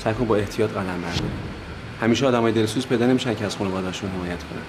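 An actor playing a smooth-talking, scheming older brother who gives calm, patronizing advice. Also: male voice, lowish voice, noisy background, close to an everyday voice. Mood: condescending.

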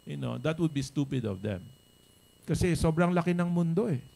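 A man delivers a motivational talk to his network of members. His voice sits a little high for a man and he stays animated throughout. He keeps pulling the room in with quick rhetorical asides. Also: vocal fry. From Philippines. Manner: animated, code-switching, rhetorical "no?" and "tama?" asides. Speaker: business leader speaking to members.

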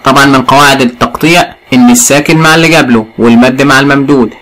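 A man with an Egyptian accent teaching a recorded lesson to young pupils, spelling words out slowly and praising answers often. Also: mid-range voice, a bit bright, rough recording. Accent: Egyptian Arabic. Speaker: primary school teacher.

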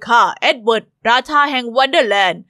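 A woman voicing a pompous, stately, self-admiring king in an animated story. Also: on the high side, quick pace, no echo, studio quality, voice pushed down, full character voice. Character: grand, self-admiring king of a fairy-tale land.

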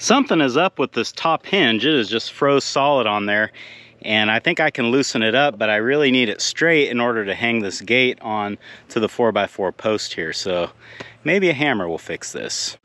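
A man's voice: mid-range voice, animated, moderate pace, sharp tone, a little hiss or hum. A man in his thirties, a rancher, casually explaining his work to a handheld camera outdoors. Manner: easygoing, practical, explains as he works. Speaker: rancher vlogger. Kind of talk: casual vlog narration to camera. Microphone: handheld action camera at arm's length.

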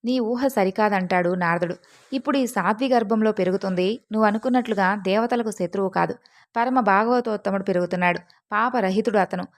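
A woman voicing a wise, calm, older male sage in a devotional story, speaking gently and giving advice. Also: medium pitch, fairly quick, lightly acted. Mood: counselling. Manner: gentle, advising.

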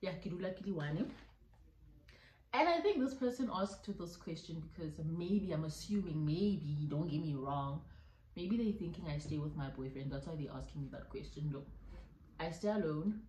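A woman's voice: deep voice, expressive, normal speed, mellow, reverberant, a little hiss or hum, rough recording. A South African woman in her twenties chatting casually through a Q&A while eating, laughing often and mixing local phrases into her talk. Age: 20s. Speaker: YouTuber. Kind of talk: casual mukbang Q&A chat. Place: indoor room at home.

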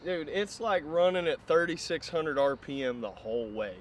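A man chatting casually and excitably outdoors in a grassy yard while riding a mini bike. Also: fairly high pitch, moderate pace. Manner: excitable, laughing. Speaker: show regular. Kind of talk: casual chat. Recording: loud outdoor engine noise.

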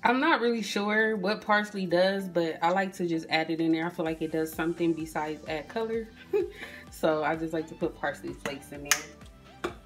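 Chatty woman with a low voice. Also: normal speed, soft background music. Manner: chatty, addresses viewers as "you guys" and "y'all", frequent "um". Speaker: cooking vlogger. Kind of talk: casual cooking tutorial narration. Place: home kitchen, indoors. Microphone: phone camera at the stove.

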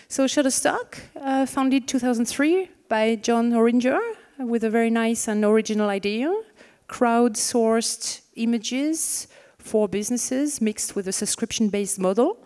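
A woman in her thirties from France, with a French accent, moderates a fireside chat on a conference stage in a large hall. Her voice is a little high and darkish, her pace unhurried, and she's chatty and joking with many fillers. She speaks into a handheld mic, and the hall sound is reverberant.

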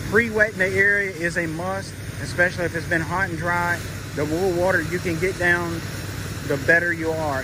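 A man giving a folksy, instructional talk outdoors in a parking lot, full of fillers, while a pressure washer runs. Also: high voice. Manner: casual, folksy, with frequent fillers. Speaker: pressure washing business owner and trainer. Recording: outdoor clip with loud pressure-washer noise.

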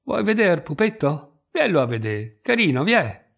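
A man's voice: a little high, big pitch swings, a little slow, creaky, a bit bright, voice pushed up, exaggerated voice. A man voicing a humble, wheedling poor young mother with a Roman accent, coaxing and pleading. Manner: coaxing, pleading dialect speech.

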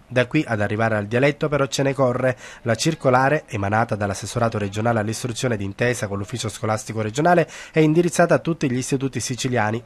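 Fast-paced male news narrator. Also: mid-range voice. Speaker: news reporter.

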